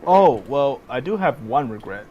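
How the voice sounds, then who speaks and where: Casting: late-twenties guy, halting and profane, noisy mic line. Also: mid-range voice, lively intonation, warm tone, highs cut off. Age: 20s. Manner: hesitant, profane, many ums. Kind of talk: casual chat.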